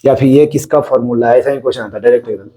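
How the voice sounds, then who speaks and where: Mellow-voiced Indian man teaching chemistry. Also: mid-range voice, very fast, low-quality recording. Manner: explains step by step, often checking "है ना?". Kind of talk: classroom-style lecture.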